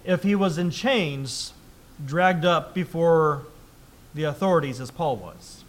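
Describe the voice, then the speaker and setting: A man preaching a sermon, reading scripture aloud with rising emphasis and then explaining it in a quieter, conversational tone. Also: a little high, animated, slow pace.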